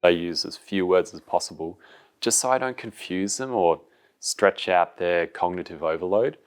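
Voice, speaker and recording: A man teacher explaining in a calm, slow way, using few words. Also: low-pitched, clean tone. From Australia. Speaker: secondary school teacher. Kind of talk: classroom instruction and explanation.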